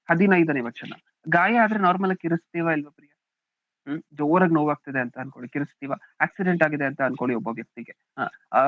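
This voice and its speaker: A man's voice: a little high, no room sound, phone-quality sound. Kannada-accented male preacher, thin phone sound. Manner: asks the congregation rhetorical questions, "hm?"; reads scripture aloud with emphasis. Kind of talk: sermon.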